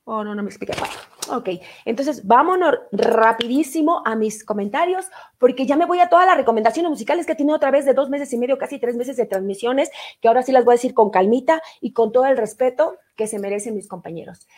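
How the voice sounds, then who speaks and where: A woman's voice: fairly high pitch, fast, darkish tone. A middle-aged woman with a Mexican accent, hosting a live online show in a casual, playful way, full of fillers and reading out viewer comments. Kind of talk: casual live-stream chat.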